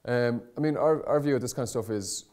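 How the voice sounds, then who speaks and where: This man, speaking a little fast with a medium pitch and a slightly mellow tone, gives a casual conference presentation about startup content marketing. He wanders and hesitates, keeps correcting himself, and uses plain, colloquial bluntness.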